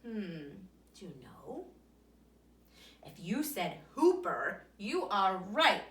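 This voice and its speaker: A woman's voice: medium pitch, big pitch swings, takes it slowly, fairly bright tone. A woman teacher reading a storytime lesson to young children, coaxing them with questions. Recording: roomy echo, voice from the mic's distance.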